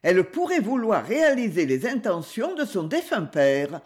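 In a medium-pitched, sing-song voice at a measured pace, a woman plays a composed, courteous lady investigator. She questions a suspect lightly and politely, sounding calm and amiable, a genteel character throughout.

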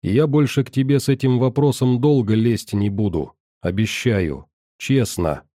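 A man's voice: medium pitch, moderate pace, warm tone, no room sound, clean studio sound, close to an everyday voice. A man voicing an emotional teenage girl in an audiobook, speaking tenderly and tearfully. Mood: pleading.

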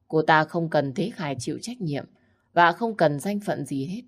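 Low-voiced woman narrating a story.

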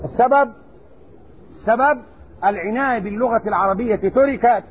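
A man teaching a recorded religious lesson, explaining slowly and deliberately and stressing word forms. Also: extremely high pitch, a little hiss or hum. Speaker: Islamic scholar teaching hadith. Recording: dull lo-fi lecture recording.

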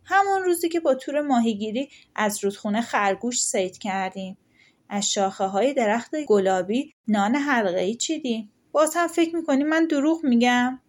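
A woman's voice: fairly high pitch, expressive, lightly acted. A woman voicing a stubborn, chatty peasant wife who insists on her story in a folktale audiobook. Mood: insistent, then indignant. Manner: indignant, insistent. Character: talkative stubborn peasant wife, hot-tempered.

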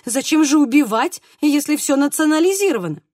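A woman's voice: on the high side, big pitch swings, moderate pace, no room sound, studio quality. A woman voicing a displeased, puzzled mother. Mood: baffled. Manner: baffled, complaining.

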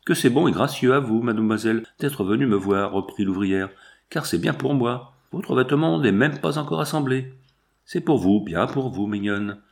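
A man reading the lines of a cheerful young seamstress in an audiobook, with a gently raised voice. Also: mid-range voice, lively intonation, moderate pace, creaky.

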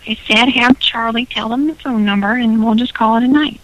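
A man's voice: very high-pitched, fairly even intonation, brisk, fairly bright tone, no room sound, voice pushed up, low-quality recording. A man voicing a weary middle-aged mother who is tired and keeps trying to wrap the call up, in a prank call comedy bit.

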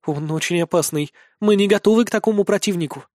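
A quiet young mage woman who speaks calmly and gravely, read by a male narrator close to his own voice. The audiobook reading is close and dry, with a fairly high male tone. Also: fast talker, no echo, natural voice. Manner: calm, subdued. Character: calm young female mage, quiet and serious.

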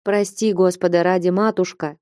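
A woman reading aloud and voicing a timid elderly nun who pleads in a hushed, meek voice. Dry, close sound. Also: lowish voice, fairly even intonation, moderate pace, dry recording, natural voice. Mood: pleading.

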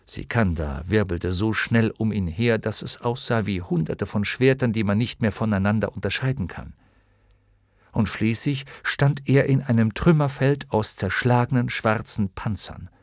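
Dry, expressive male audiobook narrator. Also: fairly low pitch, normal speed, no room sound. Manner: expressive storytelling. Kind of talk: scripted narration.

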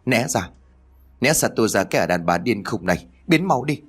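A man's voice: lowish voice, expressive, racing. A man voicing a scornful cruel daughter-in-law. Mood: panicked. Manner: snappish, contemptuous. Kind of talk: storybook reading.

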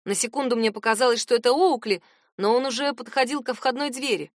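A woman reading a novel aloud in first person as an audiobook narrator, with measured, wry storytelling. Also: fairly high pitch, no room sound, studio quality.

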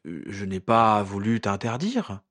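A man's voice: mid-range voice, sing-song, normal speed, slightly rough, no room sound. A man voicing a flustered, hurt young wizard who stammers and hesitates. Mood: pleading.

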